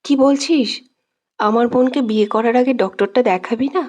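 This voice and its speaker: A woman's voice: fairly high pitch, steady tone, normal speed, darkish tone, lightly acted. Woman voicing a teasing young prankster guy.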